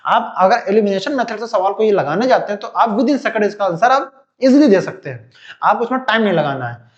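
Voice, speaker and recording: Brisk high-voiced man teaching. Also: lively intonation, dull audio. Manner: talks directly to students, calls them "beta", lots of "theek hai" fillers. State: recovering from a cold, still coughing. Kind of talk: online exam-prep lesson.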